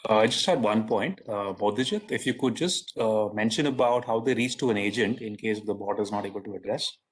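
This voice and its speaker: A man's voice: fairly low pitch, a little fast, husky. A man explaining course details matter-of-factly on a webinar over a video call.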